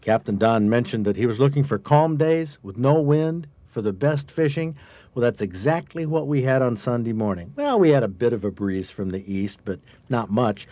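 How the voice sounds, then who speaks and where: An American man with a mellow, relaxed voice at a middling pitch narrates an outdoor fishing feature. He sounds like a folksy reporter, reading his script as if chatting with viewers. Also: moderate pace, dry recording. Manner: folksy, conversational.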